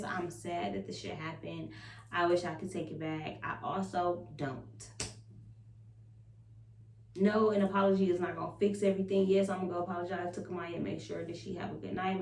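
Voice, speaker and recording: A woman's voice: on the low side, flat delivery, fairly quick, crowd noise. Woman vlogger, confessional casual chat, emphatic and sweary, roomy echo, distant mic with faint hum. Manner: candid, emphatic, profanity-laced, repetitive self-affirming.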